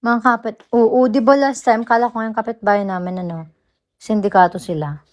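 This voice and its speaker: A woman's voice: fairly high pitch, steady tone, normal speed. A woman, hosting a casual livestream and chatting and teasing her viewers. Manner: chatty, teasing, breaks into soft singing. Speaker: livestream host. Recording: loud background noise.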